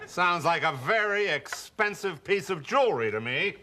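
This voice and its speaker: A bumbling monster dad. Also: male voice, high-pitched, expressive, normal speed, slight background noise. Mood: puzzled. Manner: blustery, easily alarmed. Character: big good-natured Frankenstein-monster father, dim and bumbling. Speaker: sitcom character. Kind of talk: sitcom acting. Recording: sitcom audio with loud laugh track. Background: studio audience laughter.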